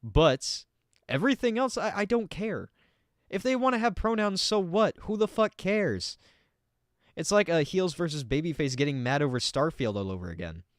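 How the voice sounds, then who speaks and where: A man's voice: on the high side, lively intonation, normal speed, no room sound, clean studio sound. A man hosting a casual reaction commentary, talking in a rambling, filler-heavy way and swearing bluntly. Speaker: reaction video host.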